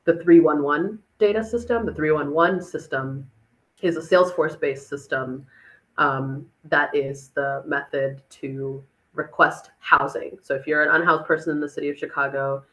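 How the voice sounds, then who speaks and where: A woman's voice: deep voice, fairly even intonation, normal speed, a bit bright, low-quality recording. A woman answering audience questions at a tech meetup, casual and chatty with many fillers and restarts. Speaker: speaker on a city dashboard, chief of staff.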